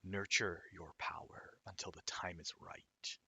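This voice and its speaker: A man voicing an ominous, unseen power in a hushed, breathy whisper while reading a game's dialogue. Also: deep voice, little pitch movement, a little slow, no echo, full character voice.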